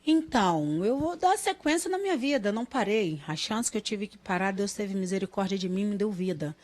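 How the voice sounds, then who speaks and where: A woman, a mother in her thirties, giving a halting, emotional interview and often quoting others in dialogue. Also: mid-range voice, animated. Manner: halting, repeats words, quotes others in dialogue.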